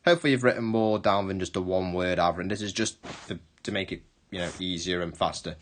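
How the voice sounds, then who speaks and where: A man's voice: low voice, quick pace, a little hiss or hum. A male history teacher giving a recorded online lesson, explaining step by step, rephrasing and correcting himself as he goes.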